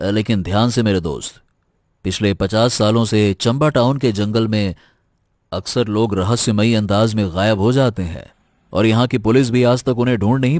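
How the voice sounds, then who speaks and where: A man's voice: lowish voice, darkish tone, dry recording, studio quality, close to an everyday voice. A man voicing a serious young man who warns his friend in a Hindi audio drama, in a grave tone with a few English words.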